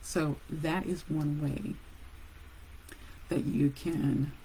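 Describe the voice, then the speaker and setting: A woman who works as a nurse, casually telling a personal story with animated pauses and laughs. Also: deep voice, slight background noise, low-quality recording.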